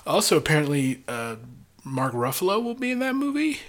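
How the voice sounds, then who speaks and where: A man's voice: a little high, sing-song, brisk, a bit bright. Male co-host, casual and eager, tends to ramble and over-explain. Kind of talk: casual chat.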